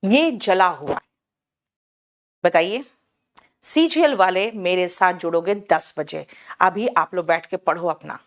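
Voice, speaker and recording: A woman's voice: lowish voice, slow, long pauses. A woman English teacher with an Indian accent, teaching a live online class, drilling words by repeating them and calling on students by name.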